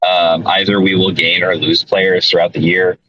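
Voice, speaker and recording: A man's voice: low voice, level tone, moderate pace, over a noisy crowd. A man co-hosting a casual podcast over a call from his moving car, rambling and correcting himself as he goes. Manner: rambling, self-correcting, chuckles often. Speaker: podcast co-host. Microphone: voice call from a phone. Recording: dull lo-fi call audio.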